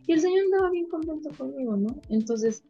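A woman with a Mexican accent, a veterinarian guest in an interview, telling her stories in an animated, emotional way. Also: high-pitched, brisk, highs cut off, soft background music. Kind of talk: casual interview storytelling.

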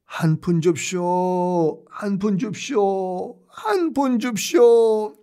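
A man voicing a disguised beggar whose voice is ruined, in a strained, high, drawn-out cry. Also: exaggerated voice. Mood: pleading. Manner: strained shouting falsetto, drawn-out. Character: disfigured beggar man with ruined, charcoal-burnt voice.

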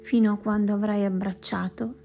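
A woman leading a guided meditation in a slow, soft voice that often sinks to a whisper. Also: mid-range voice, little pitch movement, gravelly. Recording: music playing behind voice. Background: plucked guitar music.

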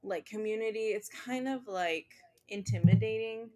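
A woman's voice: medium pitch, normal speed, darkish tone. A young woman chatting casually, earnest and reassuring, walking listeners through things step by step. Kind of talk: casual chat.

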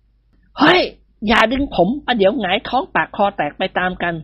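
A narrator voicing a rich young man, a sidekick who talks roughly and blusters. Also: medium pitch, sing-song, brisk, dry recording, muffled recording, voice pushed up, natural voice. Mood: alarmed.

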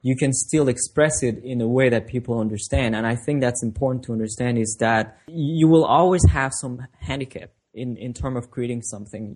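A man with a mid-range, somewhat mellow voice, French by first language, answers interview questions casually as a designer guest. He tends to pause and say words twice while thinking.

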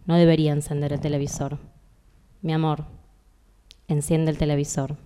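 A woman calmly reading a literary fragment aloud in a measured way, as host of a literary talk. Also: fairly low pitch.

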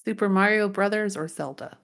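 A woman co-hosting a podcast in casual chat, asking the guest questions in a relaxed, wry way. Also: mid-range voice, a little fast, gravelly. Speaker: podcast co-host.

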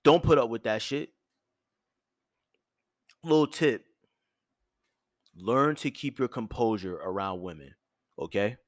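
A man hosting his own show, giving blunt, profane dating advice in a firm yet soft tone, with features. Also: medium pitch, takes it slowly, long pauses, dry recording, clean studio sound. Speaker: host. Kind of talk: direct advice monologue.

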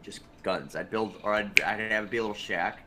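A man's voice: fairly low pitch, brisk, bright, forceful tone, slight background noise. A man co-hosting a casual podcast, telling rambling stories full of swearing. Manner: profane, rambling storyteller. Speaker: podcast co-host.

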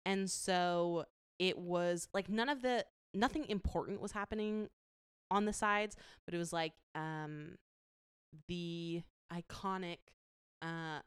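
A woman's voice: fairly low pitch, slow, smooth, no echo, studio quality. A woman co-hosting a casual movie chat, chatty, with many fillers and restarts. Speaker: podcast co-host.

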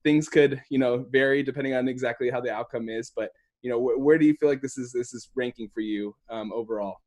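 Male podcast host, medium pitch, informal sports-fan chat style, halting and self-correcting delivery. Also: steady tone, a little mellow. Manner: halting, rambling, laid-back phrasing full of hedges and self-corrections.

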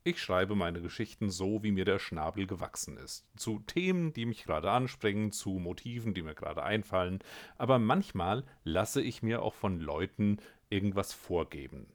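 Wry, low-voiced male storyteller. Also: animated, normal speed. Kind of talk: reading his own short story.

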